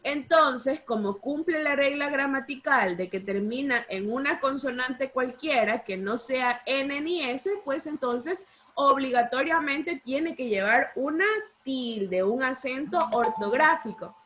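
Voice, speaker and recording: A woman's voice: sits high, a little slow, fairly bright tone. A woman teaching a primary school class online by video call, patiently repeating points and checking understanding with questions.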